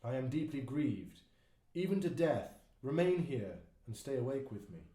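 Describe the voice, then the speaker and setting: Solemn Jesus read by a man: measured, dark-toned, echoey. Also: mid-range voice, sing-song, lightly acted. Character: Jesus, solemn grown male teacher. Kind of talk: dramatised Bible reading. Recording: echoey room.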